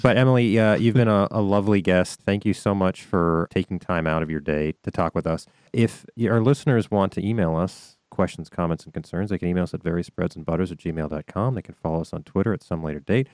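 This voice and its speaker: A man hosting a podcast, joking and reading off plugs in a deadpan way. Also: low-pitched, fast, few pauses, dry recording, studio quality. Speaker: podcast host. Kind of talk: casual chat.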